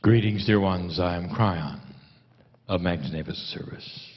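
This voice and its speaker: A man giving a channeled spiritual address in solemn, deliberate phrases with pauses. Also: deep voice. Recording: dull recording in reverberant hall.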